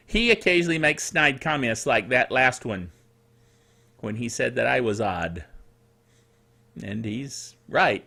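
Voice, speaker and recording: A middle-aged man hosts a solo tech news show in a chatty, playful, quirky style full of theatrical asides. His voice is high-pitched and sharp, with a slightly dry, rough throat.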